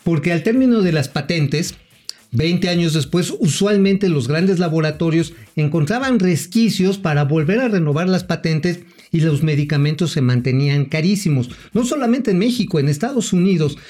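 A man's voice: fairly high pitch, animated, moderate pace, darkish tone. A man co-hosting a casual finance live stream, explaining with homely examples and joking around. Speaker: co-host, finance commentator.

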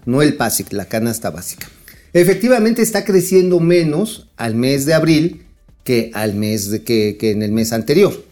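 A man's voice: medium pitch, a little mellow. Slangy Mexican man, joking commentary. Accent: Mexican Spanish. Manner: slangy, joking, swears freely. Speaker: co-host of a financial talk show. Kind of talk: casual, profane financial commentary.

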